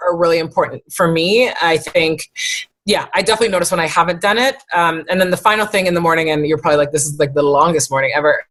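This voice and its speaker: A woman's voice: deep voice, steady tone, quick pace, fairly bright tone. A woman from the US East Coast in a casual interview, chatty, peppering her speech with "like" and "right". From United States East Coast. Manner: chatty, says "like" and "right" often. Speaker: podcast guest.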